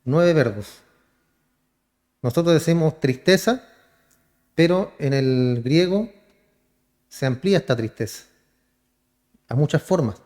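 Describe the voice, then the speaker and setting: A male pastor with a Chilean accent delivers a sermon. His voice sits a little high for a man. He keeps addressing the congregation directly and asking them rhetorical questions. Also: expressive, slow, pauses often, a little mellow. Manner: calls the congregation brother, asks rhetorical questions.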